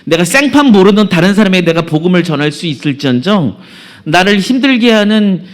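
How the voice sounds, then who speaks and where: A man's voice: high-pitched, animated, brisk. A male preacher giving a sermon, retelling a story earnestly and making emphatic appeals to the congregation.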